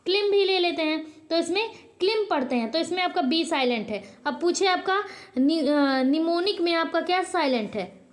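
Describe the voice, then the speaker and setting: A woman with a high, light voice explains a lesson to her channel's viewers. She drills each point by posing a question and answering it at once. She often pauses and corrects herself mid-word. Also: lively intonation. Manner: frequent hesitations and self-corrections. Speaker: teacher; channel host.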